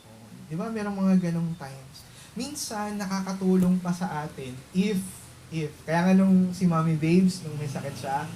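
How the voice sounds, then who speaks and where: Preaching in mixed Tagalog and English, a woman with a lowish, mellow voice speaks at a measured pace. She's emphatic and often seeks confirmation from her audience, while the poor-quality audio carries a faint hiss or hum.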